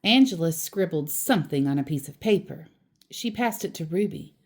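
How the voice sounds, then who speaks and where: A woman with a lowish voice reads a children's picture book aloud as storyteller, expressive and deliberate, dropping in casual asides.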